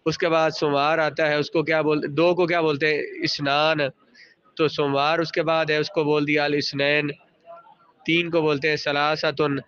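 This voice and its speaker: A man's voice: on the high side, fairly bright tone, clean tone, dull audio. A male teacher giving a classroom grammar lesson, parsing sentences aloud and patiently quizzing students and repeating their answers.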